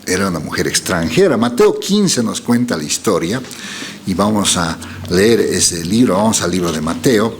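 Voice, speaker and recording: A man's voice: low-pitched, moderate pace, a little hiss or hum. A male preacher giving a sermon, reading scripture aloud and asking the congregation questions. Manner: lively, rising emphasis on quoted lines. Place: church gathering.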